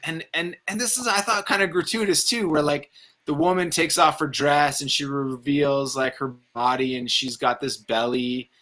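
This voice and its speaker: Speaking at a normal pace in a sharp, slightly high voice, this man sits on a film review show panel. His movie talk is casual and rambling, strongly opinionated, with some swearing.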